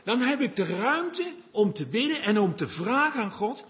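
A man's voice: high-pitched, sing-song, normal speed. A man preaching a sermon, chatty and confiding, sometimes dropping to a murmur and then rising to earnest exhortation. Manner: conversational and confiding, drops to a murmur then rises to emphatic exhortation. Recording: dull lo-fi recording.

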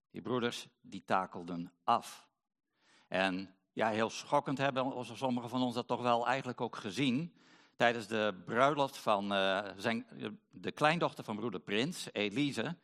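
A middle-aged man preaching a sermon, pausing often with fillers as he searches for words. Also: mid-range voice, a bit bright. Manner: hesitant, many pauses and fillers.

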